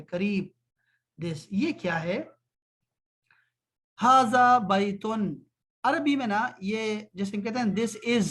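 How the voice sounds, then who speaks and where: A man teaching an online Arabic lesson, explaining patiently and repeating phrases slowly. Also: high-pitched.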